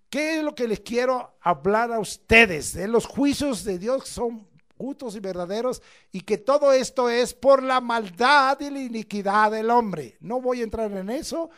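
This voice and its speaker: Slow, high-voiced preacher man. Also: expressive. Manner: emphatic, swings between loud declamation and low asides; stretches key words slowly for emphasis. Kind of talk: sermon. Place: church service.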